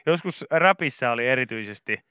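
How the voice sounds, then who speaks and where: Radio co-host, male, bright crisp voice, jokey casual banter, dry studio sound. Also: medium pitch, expressive, no echo. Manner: jokey, sings and shouts song intros. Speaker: radio morning show host.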